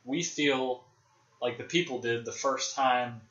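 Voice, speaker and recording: A young man hosts a podcast, chatting casually about films and rambling and speculating with lots of fillers. His mid-range voice is slow, slightly bright, and fairly even in intonation. The lo-fi podcast audio sounds roomy and dull.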